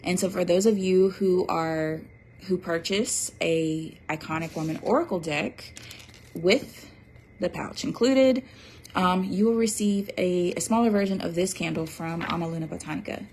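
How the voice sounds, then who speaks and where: A woman's voice: fairly low pitch, moderate pace, darkish tone, slight background noise. A woman chatting casually on a livestream, reading out viewer comments with many fillers and restarts. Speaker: livestream host selling an oracle deck.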